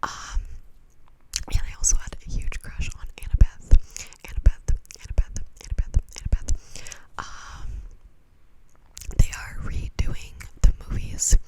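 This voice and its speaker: A young adult woman in a breathy, clicky, fast ASMR whisper close to the microphone, rambling casually and repeating words and phrases. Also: poor audio. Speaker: ASMR video host.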